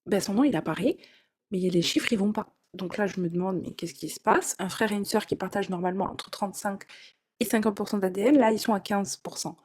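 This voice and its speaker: A woman's voice: mid-range voice, darkish tone. Chatty young woman telling her story. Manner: casual and chatty, with frequent fillers and asides to the listener. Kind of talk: first-person confessional storytelling.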